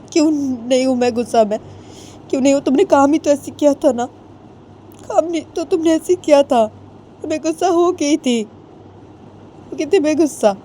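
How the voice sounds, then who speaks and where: A distraught mother pleads in a high, wailing voice , as a woman narrator acts her out. Her voice is mellow and soft-edged, and it climbs well above a plain speaking voice. The faint hum of traffic sits underneath. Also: natural voice.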